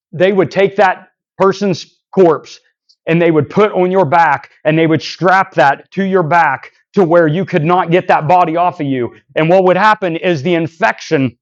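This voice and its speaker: A man's voice: high-pitched, highs cut off. A man preaching a sermon, telling a long story in a rambling way, often saying "so anyways" and acting out what people said. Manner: rambling, repeats "so anyways" and restarts, acts out quoted dialogue. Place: church.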